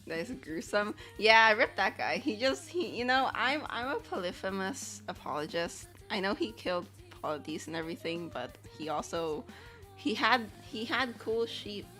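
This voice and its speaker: Drawing on a livestream, a woman talks in a mid-range, expressive voice with a sharp tone and moderate pace, faint music behind. Her casual chat rambles, and she reads out questions from the chat.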